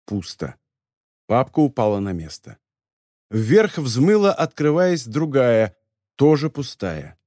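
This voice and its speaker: A man narrating an audiobook in an expressive storytelling manner. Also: medium pitch, slow pace, dry recording, clean studio sound. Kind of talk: scripted narration.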